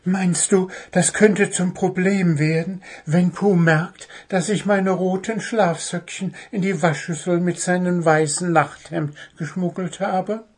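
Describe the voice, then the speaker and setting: A man voicing a small, cheeky, excitable blue bird in a storybook reading, in a high chirpy voice. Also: measured pace, slightly rough, full character voice.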